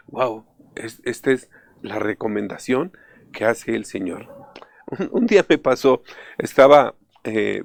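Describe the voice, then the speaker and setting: A man from Mexico, preaching a sermon in an earnest storytelling way, often lifting his pitch to stress a point. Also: creaky, no room sound. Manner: earnest, storytelling, pitch rises for emphasis, frequent fillers. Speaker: pastor.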